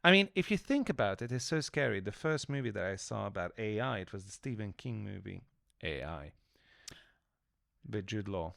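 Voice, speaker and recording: A man's voice: lowish voice, lively intonation, moderate pace, creaky, a bit bright, no room sound, clean studio sound. A man co-hosting a casual podcast chat who works as an acting coach, talking hesitantly and often restarting or correcting himself.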